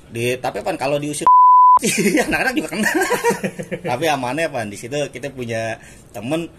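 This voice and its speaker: A man spins casual stories in a bright, lively voice that swings up and down. He acts out the other people in his stories. A faint hum of noise sits behind him. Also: on the high side, fairly quick. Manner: animated, acts out quoted exchanges, laughs often. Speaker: guest storyteller. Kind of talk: casual storytelling chat.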